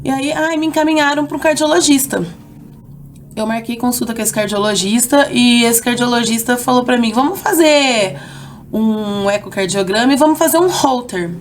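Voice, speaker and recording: Young brazilian woman vlogging, talks fast and lively, kinda high voice, faint hiss behind. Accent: Brazilian Portuguese. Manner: animated, acts out quoted lines with raised pitch. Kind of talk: casual storytelling to viewers.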